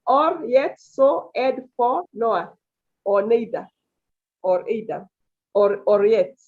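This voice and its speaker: Animated high-voiced woman teacher. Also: slow pace. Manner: calls on students by name, repeats their answers. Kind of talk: online class teaching grammar. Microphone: video call. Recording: dull lo-fi video call audio.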